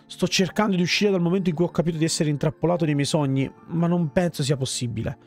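A man's voice: on the high side, quick pace, close to an everyday voice. A man voicing a worried village mayor from a fantasy game, reading his lines earnestly over game music.

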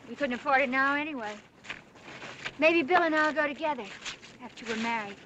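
Earnest young woman, high voice, 1940s film, an actress in the role, dull old soundtrack. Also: fairly quick, background noise, close to an everyday voice. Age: young adult. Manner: earnest, grief-stricken at the end.

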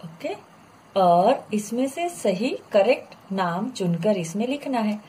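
A woman's voice: medium pitch, expressive, slow, mellow, slight background noise. A woman teaching a children's lesson online, patiently explaining and drawing out model pronunciations, with English words mixed in.

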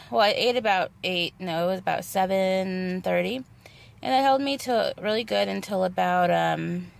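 A woman chatting casually in her home kitchen, rambling with lots of fillers and quick self-corrections as she cooks. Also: mid-range voice, vocal fry, a little hiss or hum. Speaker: home cook vlogger. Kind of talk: casual home cooking vlog.

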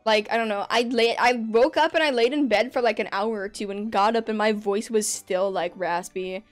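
A young adult streamer chats casually over gameplay from their bedroom, rambling and laughing often. Their mid-range voice moves at a normal speed through a desk microphone, with faint music behind.

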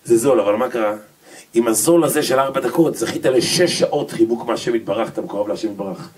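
A man's voice: medium pitch, darkish tone. A man, a rabbi, giving a humorous Torah lecture and acting out little scenes and voices as he goes. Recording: distant mic with noticeable noise.

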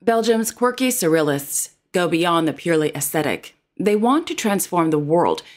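Woman narrating royal news, lowish voice. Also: big pitch swings, moderate pace. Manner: formal, reads titles and quotes carefully.

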